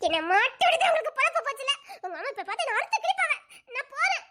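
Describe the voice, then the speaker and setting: A timid young woman, voiced by a woman, in an amateur drama. Her voice is very high and thin. She whimpers, pleads and laughs nervously. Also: sing-song, racing, bright, forceful tone, full character voice. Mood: frightened, pleading. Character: timid young woman, scared of being caught.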